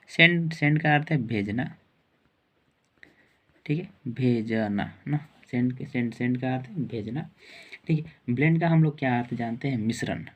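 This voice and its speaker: Man spelling out English words slowly. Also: mid-range voice. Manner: spells out letters slowly, repeats words and adds "ठीक है". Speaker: English teacher. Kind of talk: spelling and pronunciation lesson.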